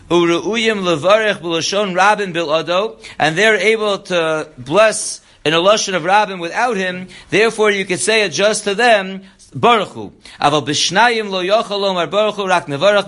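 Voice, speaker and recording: High-voiced man teaching a halacha lesson. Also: fairly bright tone. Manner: reads Hebrew text then explains in English. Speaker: Torah teacher.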